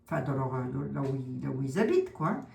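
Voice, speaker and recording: A woman's voice: rumbling low, big pitch swings, fast, creaky, mellow. A woman giving a casual psychic card reading, musing aloud, hesitating and repeating herself as she goes. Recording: echoey room with faint ambient noise.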